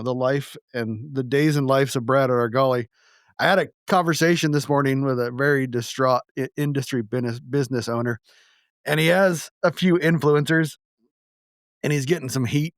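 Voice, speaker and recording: A man's voice: mid-range voice, moderate pace, smooth, no echo, studio quality. A man hosting a casual podcast, talking loosely and profanely, rambling with restarts. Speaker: podcast host.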